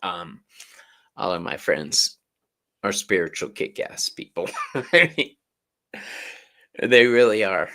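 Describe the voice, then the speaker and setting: Man, tarot reader, live stream, deep voice, swings up and down a lot, chatty, swears. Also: animated, takes it slowly, long pauses, fairly bright tone.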